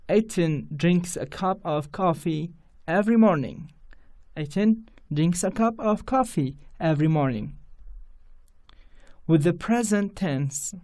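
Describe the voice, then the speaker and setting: A man's voice: on the high side, darkish tone. A man with a Kurdish accent, a native Kurdish speaker, teaching an English grammar lesson to students and repeating each example sentence with care.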